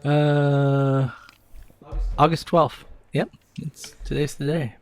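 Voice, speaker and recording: A man's voice: a little high, level tone, slow. A man co-hosting a podcast, teasing and joking in casual chat. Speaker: podcast co-host.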